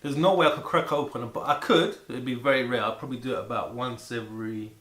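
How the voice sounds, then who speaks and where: A man chatting casually and excitedly to camera about food, rambling and repeating words for emphasis. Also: medium pitch, fast. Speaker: vlogger presenting food to camera. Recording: echoey room with faint background noise.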